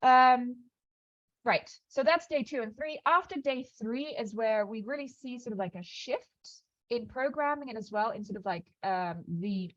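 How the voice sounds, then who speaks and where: Fast-talking woman on a video call. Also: on the high side, lively intonation, a bit bright, no room sound, dull audio. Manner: fast-talking with many fillers and restarts. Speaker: program staff presenting onboarding. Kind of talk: online onboarding call walkthrough.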